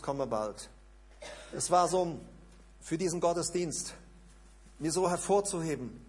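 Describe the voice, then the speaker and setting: A male pastor preaching a sermon in a church service that is also streamed online. He repeats short prayer lines fervently and drops to a hushed, low voice when he prays them. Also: breathy edge.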